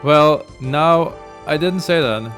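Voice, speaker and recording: A man's voice: fairly high pitch, slow, a bit bright, faint music behind, pitched above the performer's own voice. Captain Bentley, a man reading a pompous captain. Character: pompous ship captain man, grudging host.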